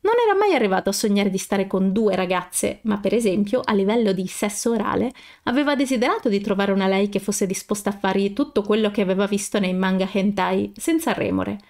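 A woman reading fan fiction aloud as an audiobook narrator, steady storytelling with occasional self-corrections. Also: mid-range voice, brisk, few pauses.

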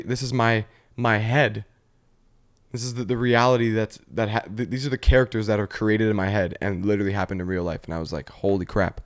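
A man hosting a comedy podcast, telling a story with animated energy, using "like" and "literally" constantly and laughing often. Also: fairly low pitch. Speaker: podcast host. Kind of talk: casual comedy podcast chat.

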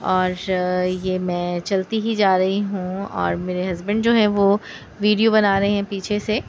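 A woman from Pakistan, narrating her travel vlog in a relaxed, chatty way with frequent hesitation fillers. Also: medium pitch, unhurried, highs cut off, a little hiss or hum. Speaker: travel vlogger. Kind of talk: casual travel vlog voice-over.

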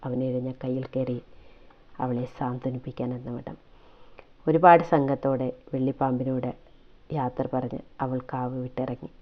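A woman reading a serialized romance story aloud with steady, emotive storytelling. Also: very deep voice, moderate pace, lo-fi sound.

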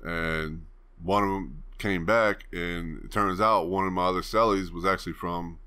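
A man's voice: low voice, steady tone, moderate pace, bright, forceful tone, clear, resonant tone. A young man from Virginia, hosting his channel, telling a story in a laid-back, rambling way and swearing freely. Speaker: channel host. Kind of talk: casual storytelling to camera.

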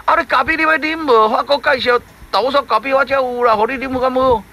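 A man with a Taiwanese Hokkien accent voicing a lonely, self-pitying salamander with a shrill, wailing manner. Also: steady tone, fast talker, sharp tone, full character voice. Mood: pleading.

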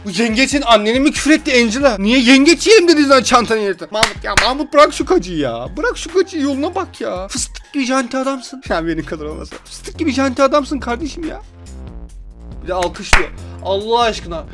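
Excitable young man playing games, high lively voice. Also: fairly quick. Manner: excitable, laughing, exasperated, joking. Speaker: gaming YouTuber. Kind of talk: gameplay commentary. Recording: faint game music behind.

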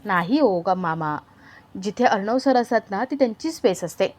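A woman's voice: medium pitch, animated, normal speed, darkish tone, close to an everyday voice. A woman voicing an anxious, polite young bride in a retold family drama, speaking in a worried tone.

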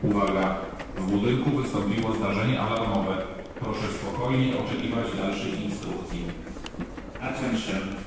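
A man giving a calm, measured, formal recorded evacuation announcement over loudspeakers, heard through a public address system in an indoor shopping mall. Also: on the low side, heavy background noise. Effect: over loudspeakers, like a megaphone. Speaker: emergency announcer. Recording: echoey loudspeaker from far off in a hall.

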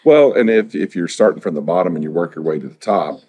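A man's voice: sits low, expressive, fast, dark tone. A middle-aged man talking earnestly and a bit rambling in a casual interview, as a real estate team leader.

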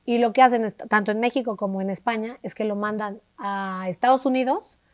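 A Mexican woman, an interview guest, telling a personal story in a lively way and acting out the voices of the people she quotes. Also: medium pitch, a little fast, no room sound. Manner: animated, acts out quoted dialogue with shifting voices. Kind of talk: conversational storytelling.

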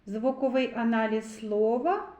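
A preschool teacher leads a phonics lesson for young children, speaking slowly, drawing out each word and spelling out sounds one by one. Her voice is mellow and on the high side, with dull audio in an echoey room.

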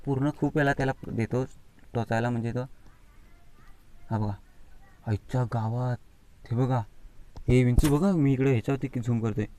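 A man's voice: mid-range voice, normal speed, pauses often, a little hiss or hum, poor audio. Chatty Konkan man filming on a phone. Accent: Konkani Marathi. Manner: chatty, excitable, mild swearing at the scorpion. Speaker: vlogger. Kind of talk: casual outdoor demonstration vlog. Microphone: phone camera.

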